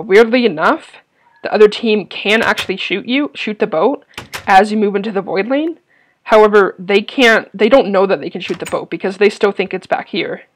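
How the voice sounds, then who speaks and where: At a computer, a young man with a high, creaky voice casually explains a game glitch over his gameplay. He hesitates a lot, with frequent ums and restarts.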